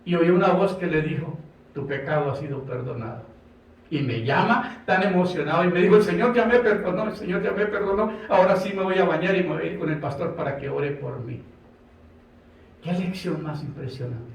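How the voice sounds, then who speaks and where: A man's voice: a little high, normal speed, creaky, dull audio. A man from Colombia with a Colombian Spanish accent, preaching a sermon as a pastor with impassioned delivery, acting out dialogue. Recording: echoey room from far off.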